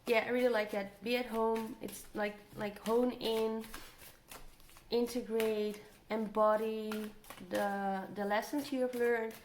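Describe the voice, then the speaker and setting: A woman's voice: a little high, level tone, takes it slowly, darkish tone. A woman giving a casual tarot energy reading, thinking aloud, trailing off and repeating phrases as she goes. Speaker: tarot card reader. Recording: roomy echo, clear background noise.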